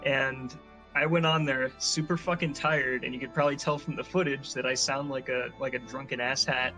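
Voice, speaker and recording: A man's voice: mid-range voice, fairly even intonation, moderate pace, sharp tone, soft background music, low-quality recording. A man in a casual gaming podcast chat, telling a long, rambling story full of swearing.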